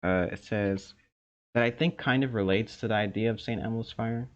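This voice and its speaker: Young man, slow halting casual chat, lowish voice, dull lo-fi recording. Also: a little hiss or hum. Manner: slow, hesitant, many ums and restarts. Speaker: podcast co-host. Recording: dull lo-fi sound.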